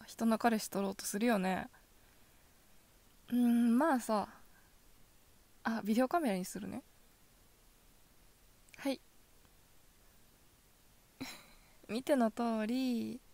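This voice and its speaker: A woman plays a possessive yandere girlfriend in an ASMR-style ASMR role-play. Her voice is soft and slightly high, with unhurried, lingering delivery. She sounds sugary and coaxing, with a cold, controlling threat underneath. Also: gravelly. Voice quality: soft, often dropping in a soft voice.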